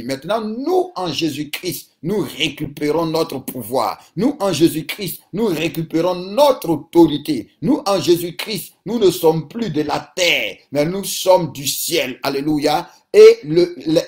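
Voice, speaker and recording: A man's voice: fairly high pitch, a little mellow. A man preaching a sermon and leading prayer, fervent, with repeated declarations and frequent interjections.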